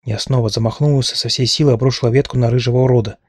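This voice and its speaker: Husky guy reading a novel out loud, steady pace, dry close mic. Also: medium pitch, very fast, no room sound. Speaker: audiobook narrator. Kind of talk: first-person novel narration.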